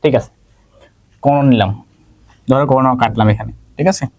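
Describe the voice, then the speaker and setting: A man's voice: mid-range voice, steady tone, a little fast, gravelly, a little mellow, slight background noise. A male math teacher with a Bangladeshi Bengali accent, leading an online geometry class and checking in with students by name. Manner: checks in constantly with "ঠিক আছে?", asks and answers own questions.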